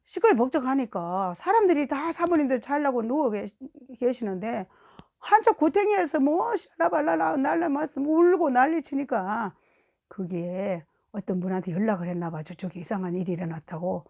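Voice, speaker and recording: A woman preaching a sermon, telling a lively testimony and acting out the dialogue of the people in her story. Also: a little high, moderate pace.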